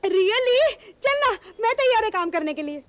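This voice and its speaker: A woman's voice: very high-pitched, lively intonation, normal speed. An actress playing a cheeky young woman in a sitcom, talking cocky street slang with a Mumbai street accent. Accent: Mumbai street Hindi. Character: cheeky brash young Bombay street girl. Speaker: sitcom character. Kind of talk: sitcom acting. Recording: sitcom audio with hiss.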